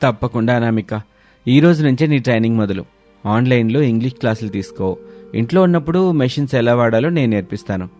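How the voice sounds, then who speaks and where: A man voicing a kind, supportive young husband in a cartoon, gentle and reassuring. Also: medium pitch, expressive, fast, faint music behind, natural voice.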